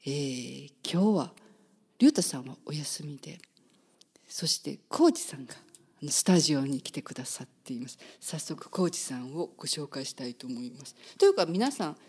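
A woman hosting a live community radio talk show, speaking in a Kansai accent in a slightly low voice. She chats casually and drops quick asides between her questions. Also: sing-song, darkish tone, breathy edge. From Kyoto, Japan. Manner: chatty, asks questions, quick side remarks.

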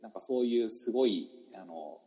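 A man with a Kansai accent, a teacher chatting as a guest in a relaxed interview, with many fillers and a mind to slowing down. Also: on the low side. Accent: Kansai Japanese. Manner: chatty, many fillers, mindful of speaking slowly. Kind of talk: casual interview talk.

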